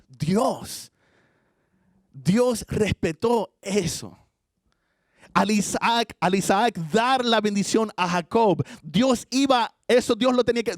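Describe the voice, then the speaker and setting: Male pastor, lightly raised pitch, dry mic; sermon, animated retelling of a story. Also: dry recording. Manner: storytelling, acting out the characters' lines.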